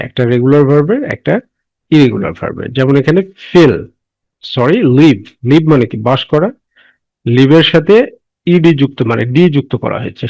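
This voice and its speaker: A man teaching an English grammar lesson, slowly repeating words and answering his own questions. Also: mid-range voice, a little mellow, dry recording, highs cut off. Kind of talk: classroom lesson.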